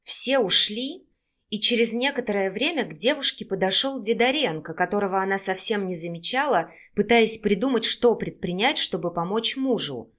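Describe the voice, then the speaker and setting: A woman reading a novel aloud in a measured storytelling manner. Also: medium pitch, lively intonation, fairly bright tone. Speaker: audiobook narrator. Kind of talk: read-aloud fiction narration.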